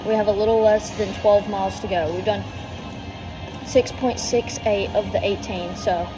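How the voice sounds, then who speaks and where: A woman's voice: mid-range voice, steady tone, normal speed, low-quality recording. A young woman talks to her viewers like a fitness vlogger. Her delivery is informal and a bit rambling, in an everyday mid-range voice. Music plays behind her. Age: young adult. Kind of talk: casual vlog chat.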